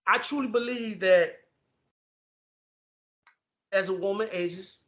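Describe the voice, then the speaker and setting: A man co-hosting a podcast, speaking in a measured way, agreeing with the others and searching for the right words. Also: sits high, sharp tone. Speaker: podcast co-host. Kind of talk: casual podcast discussion. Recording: lo-fi muffled audio.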